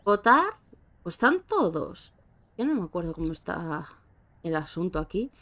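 A woman's voice: lowish voice, very animated, moderate pace, a bit bright. A woman giving casual, chatty commentary while playing a life-simulation game and talking to her characters. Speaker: gameplay streamer. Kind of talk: casual let's-play commentary.

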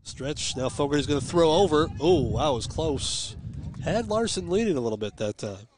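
A man calling live high school baseball on the radio from a ballpark press box, giving steady pitch-by-pitch calls with chatty, folksy asides. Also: normal speed, a little hiss or hum. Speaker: play-by-play radio announcer. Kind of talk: live radio sports commentary.

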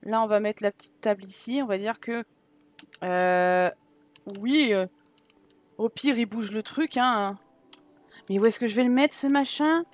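A woman's voice: a little high, unhurried, pauses often. A woman with a southern French accent giving casual let's-play commentary, chatting to her viewers and thinking aloud as she decorates. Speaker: gaming YouTuber.

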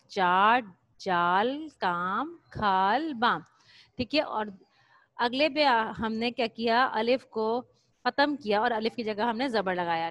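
A woman teaches young pupils in a slightly high voice. She is patient and explains things step by step. She often stretches single words out slowly and repeats them so children can follow. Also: a bit bright. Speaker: primary school teacher. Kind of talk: recorded classroom lesson.

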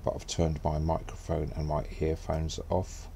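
A man's voice: very deep voice, monotone, normal speed, gravelly, warm tone, slight background noise. A man streaming a space game, chatting casually as he plays and muttering to himself. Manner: muttering to himself while playing. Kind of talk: casual gameplay commentary.

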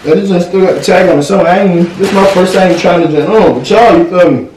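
A man's voice: high voice, fast talker, darkish tone, far from the mic. Slangy young man vlogging off-mic. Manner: slangy, laid-back, keeps asking "you feel me". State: out of breath. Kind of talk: casual haul vlog. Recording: echoey room, off-mic, faint hiss.

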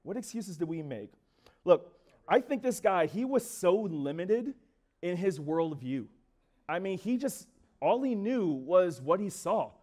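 A man's voice: high-pitched, lively intonation, a little slow, dark tone. A young man giving a sermon as a guest speaker in a church, talking casually with filler words and playful acted asides.

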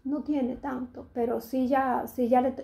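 A woman's voice: sits high, little pitch movement, measured pace, gravelly, warm tone. A middle-aged woman with a Dominican accent, chatting casually to her vlog audience in a rambling way, often restarting her sentences. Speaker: vlogger. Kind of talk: casual chat to camera.

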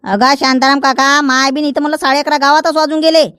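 A woman voicing an eager young village errand boy in a comedy skit, pleading and hurried. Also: high voice, fairly even intonation, fairly bright tone. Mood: urging.

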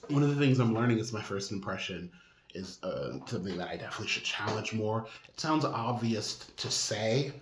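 A man's voice: on the low side, lively intonation, fairly quick. A man giving a casual makeup product review, chatty and candid with sassy asides. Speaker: makeup vlogger. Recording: roomy echo.

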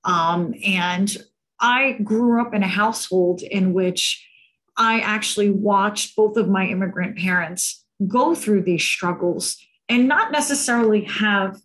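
An American woman in her thirties, a guest speaker on cultural competence, talks earnestly over a video-call headset. Her medium-pitched voice is a bit bright and her pace measured, and she often says "um" and checks in with "right?". The recording is rough.

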